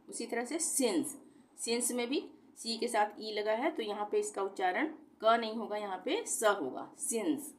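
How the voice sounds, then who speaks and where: A woman's voice: a little high, a little hiss or hum. A woman teaching on her own channel, explaining spelling and pronunciation rules step by step, repeating each example word and asking rhetorical questions. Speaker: language teacher. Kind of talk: explaining lesson.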